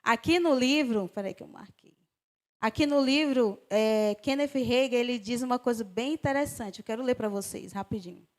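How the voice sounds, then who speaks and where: A woman from Brazil preaching a sermon, telling a personal story with emphatic swings in her voice. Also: moderate pace. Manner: emphatic, storytelling, voice swings high and loud on exclamations. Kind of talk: sermon with testimony.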